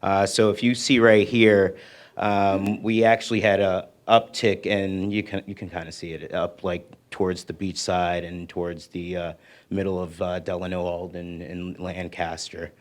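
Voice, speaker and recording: Very deep, flat-voiced man explaining. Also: normal speed. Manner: casual, filler-heavy explaining. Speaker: city official presenting at a community meeting. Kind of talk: informal presentation.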